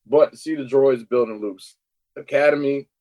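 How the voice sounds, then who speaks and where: An excited man co-hosting a casual podcast chat. He talks in an animated way at a medium pitch and swears now and then. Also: moderate pace, low-quality recording. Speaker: podcast co-host.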